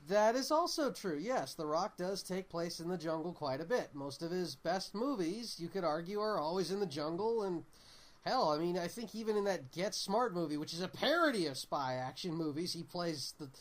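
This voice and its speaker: A man's voice: high-pitched, expressive, moderate pace. A man chatting casually about films on a podcast, emphatic and joking. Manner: emphatic, joking, puts on mock voices. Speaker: podcast co-host. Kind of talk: casual chat.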